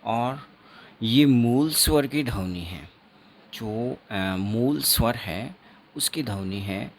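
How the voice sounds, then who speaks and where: A man teaching an exam-prep phonetics lesson, explaining slowly and repeating himself, writing on a board as he talks, with Indian English words. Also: medium pitch, animated, slight background noise. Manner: slow, repetitive teaching with frequent checks; writes on a board while talking.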